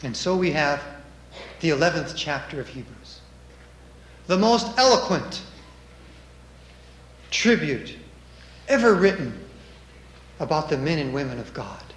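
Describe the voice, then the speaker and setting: A man with a high voice preaches slowly and deliberately. He reads scripture with measured emphasis and lets his voice swell on key lines. The sound rings in an echoey room. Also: big pitch swings, a little hiss or hum. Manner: measured, emphatic delivery with dramatic rises. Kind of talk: sermon with scripture reading.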